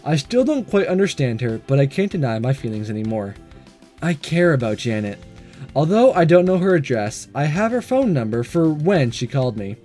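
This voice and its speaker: A gaming video host reads through a visual novel as a let's-play in a fairly high, very animated voice at a moderate pace. Playful and excitable, he jokes at his own expense while music plays softly beneath him.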